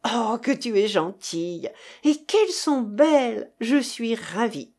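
A woman voicing a small, lively young Polish woman student with rolled R's. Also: a little high, takes it slowly, heavily acted. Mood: eager.

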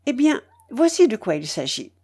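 A woman's voice: on the high side, sing-song, normal speed, darkish tone, husky, pitched above the performer's own voice, heavily acted. A woman voicing Maria Nikolaevna, a teasing, imperious lady. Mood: coaxing. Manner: commanding, mocking, playful.

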